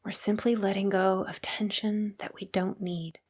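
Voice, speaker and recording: Guiding a meditation, a teacher speaks in a mid-range voice with a breathy edge. She keeps her delivery soothing, calm, and unhurried, with long pauses between phrases.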